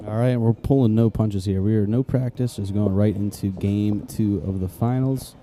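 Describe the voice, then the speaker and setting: A man commentates a live-streamed game in a relaxed, joking way. His voice sits low and sounds very dark and mellow. He chats and quips between calling shots. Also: normal speed. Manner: joking, chatty, calls shots as they happen. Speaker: play-by-play commentator.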